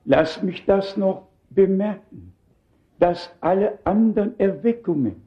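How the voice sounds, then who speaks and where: A man's voice: high-pitched, expressive, measured pace, muffled recording. An older man preaching a sermon in earnest, emphatic tones, turning now and then to talk straight to the congregation.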